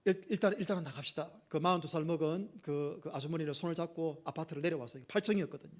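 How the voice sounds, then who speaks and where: A middle-aged male pastor preaching a sermon, telling a story and throwing questions to the congregation, with loud emphatic bursts and quiet dropped phrases. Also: on the high side, quick pace. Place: church sanctuary.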